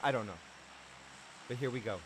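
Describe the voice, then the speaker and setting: In this live gameplay commentary, a man plays a shooter and keeps up a casual, chatty conversation with his stream's chat. He speaks at normal speed with a medium-pitched voice, and there's slight background noise.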